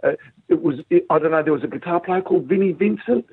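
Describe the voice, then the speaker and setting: Middle-aged man, broad Australian accent, husky, slightly high voice, animated casual storytelling, phone-like sound. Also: fast, no room sound. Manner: animated storytelling, acts out quoted remarks. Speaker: singer, interview guest. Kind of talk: casual anecdotal interview chat. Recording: tinny phone-like line.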